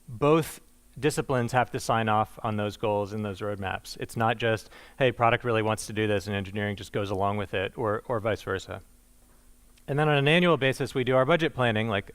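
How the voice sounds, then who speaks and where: Speaking at a conference in a conversational style, this man often restarts and leans on fillers while cracking dry, self-deprecating jokes. His voice is mid-range, smooth, and a little bright.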